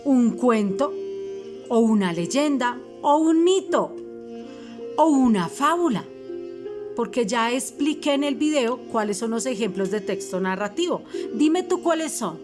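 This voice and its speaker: A woman's voice: fairly high pitch, lively intonation, measured pace, over music. A woman teacher, giving a recorded lesson to fifth graders and patiently spelling out each instruction. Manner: patient, reminding, spells things out for children.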